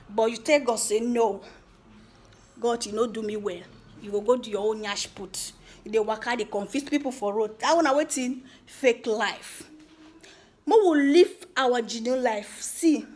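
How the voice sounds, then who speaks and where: Nigerian lady going off in pidgin, kinda high voice, emphatic teasing rant, repeats herself a lot. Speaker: vlogger giving social commentary. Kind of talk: informal, animated rant to viewers.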